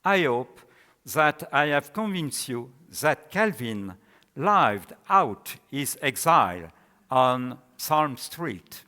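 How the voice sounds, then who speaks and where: A man with a French accent speaking as an academic presenter, in deliberate, halting phrases, in a large reverberant hall. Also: medium pitch, sing-song, bright, forceful tone, a little hiss or hum. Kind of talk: scholarly lecture and question answering. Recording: echoey hall with long reverb.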